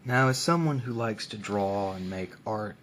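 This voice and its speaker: A man hosting ASMR in a soft, unhurried way, often near a whisper, pausing as he describes things. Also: fairly low pitch, a little hiss or hum. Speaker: ASMR host. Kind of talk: soft ASMR book show-and-tell, often dropping to a whisper.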